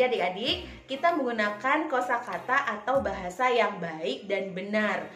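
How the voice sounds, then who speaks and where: A woman teacher giving a lesson to children in a lively way, acting out examples. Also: a little high, reverberant.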